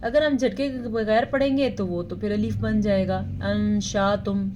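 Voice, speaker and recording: A woman teaching Quran recitation, explaining pronunciation rules and reciting verses very slowly with drawn-out sounds. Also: a little high, dark tone, dull audio, a little hiss or hum. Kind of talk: tajweed lesson with slow recitation.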